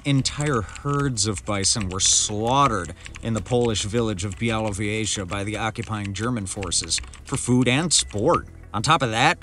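A man narrating a scripted nature documentary in a measured, dramatic storytelling manner. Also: medium pitch, fairly bright tone. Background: background music.

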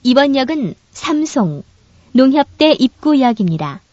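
Polite woman's train announcement, lively pitch. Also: dry recording. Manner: formal, polite, evenly measured. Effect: train announcement over onboard speaker. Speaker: subway announcer. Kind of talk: recorded onboard train announcement. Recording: dull, dry lo-fi recording.

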